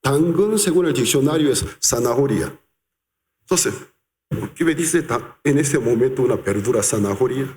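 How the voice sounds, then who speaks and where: A man delivers a sermon as pastor, drawing out his words with emphatic, lively intonation. His voice carries a long, roomy reverb, as if he is preaching in a large church hall. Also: mid-range voice, moderate pace. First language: Korean.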